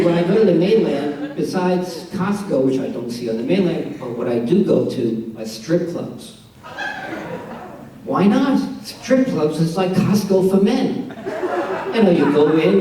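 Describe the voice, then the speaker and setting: A New York-accented man in his sixties performs a self-mocking amateur stand-up set at a benefit event, telling stories that build to punchlines. His voice is on the high side, expressive, a bit slow and dark in tone, captured by a distant mic in an echoey room with the audience laughing.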